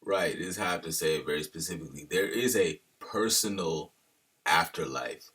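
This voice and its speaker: A man's voice: low voice, a little fast, a bit bright, husky, distant mic. A man talking casually to the camera in a loose, slangy monologue that drifts off on tangents. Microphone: camera held at a distance.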